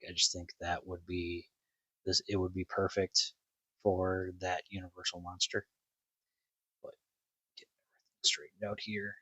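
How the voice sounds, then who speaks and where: Man, casual toy review, slow unhurried speech, musing with ums, fairly low voice. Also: flat delivery, sharp tone, breathy edge, no echo, poor audio.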